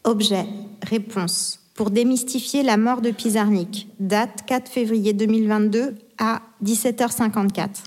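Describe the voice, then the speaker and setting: A woman reading out email dates and subject lines in a flat, matter-of-fact way. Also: fairly high pitch, measured pace. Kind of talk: announcing email headers.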